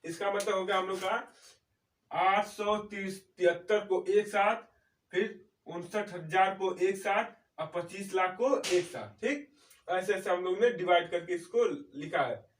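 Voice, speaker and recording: A man teaching a step-by-step math lesson. He explains slowly and keeps checking in with his students. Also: high voice, recorded from a distance. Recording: echoey room, speaker away from mic.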